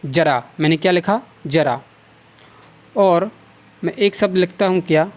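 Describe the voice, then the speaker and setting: Male teacher, north indian hindi accent, lecture to students, asks questions and answers them himself, repeats each sound slowly. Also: sits high. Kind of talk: classroom lecture.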